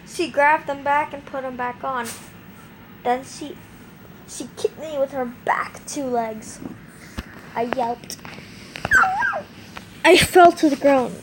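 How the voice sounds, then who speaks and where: A woman's voice: high voice, takes it slowly, long pauses, noisy background. A woman telling an improvised first-person scary story, rambling with fillers and restarts.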